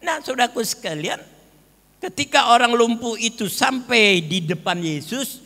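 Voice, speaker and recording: An older man preaching a sermon to his congregation, calling them brothers and sisters and drawing out key words slowly. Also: extremely high pitch, animated, bright, forceful tone. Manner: slow, drawn-out emphasis on key words. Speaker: pastor. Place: church hall. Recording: reverberant church hall.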